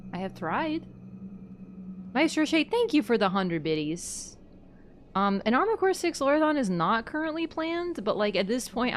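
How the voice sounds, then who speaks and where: A young woman from Canada chatting on a live stream, rambling, giggly and quick to apologize. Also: on the high side, slight background noise. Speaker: livestreamer. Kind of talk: casual live-stream chat.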